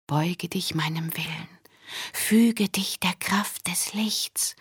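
A woman's voice: on the low side, slow pace, breathy edge, no room sound, clean studio sound, exaggerated voice. A woman voicing a frightened young girl who speaks in a choked, breathless whisper, in a whispered role-play of an audiobook. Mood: incanting.

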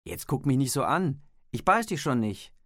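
A man's voice: medium pitch, big pitch swings, normal speed, fairly bright tone, dry recording, clean studio sound. Roman, a man doing a cheerful chubby schoolboy. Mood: friendly. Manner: gruff mock-threatening banter. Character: stocky good-humoured teenage schoolboy.

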